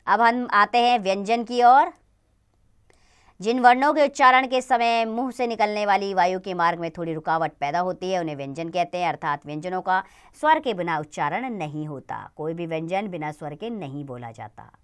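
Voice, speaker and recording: Woman, teacher, children's grammar lesson, smooth clear voice, deliberate, spells out sounds. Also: on the low side.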